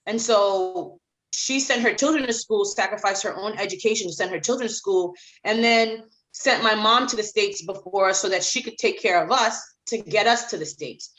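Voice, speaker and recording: A middle-aged woman from Haiti speaks as a guest author in a podcast interview. She talks emphatically at a mid pitch and repeats phrases to drive her points home. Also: normal speed, fairly bright tone, poor audio.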